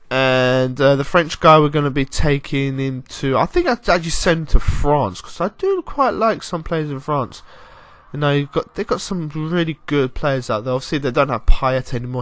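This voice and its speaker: A young man giving casual, rambling commentary over a football video game, with excitable bursts and mild swearing. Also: medium pitch, no echo. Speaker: gaming YouTuber.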